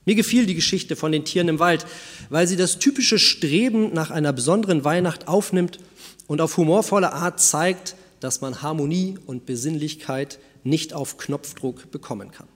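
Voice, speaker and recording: A man preaching a sermon, first telling a fable in a calm storytelling manner and then speaking to the congregation. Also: a little high, normal speed. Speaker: pastor. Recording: long church reverb.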